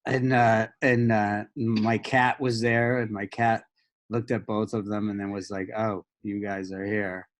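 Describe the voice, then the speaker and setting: A man's voice: on the low side, flat delivery, measured pace. Joking, profane male host. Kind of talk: casual chat.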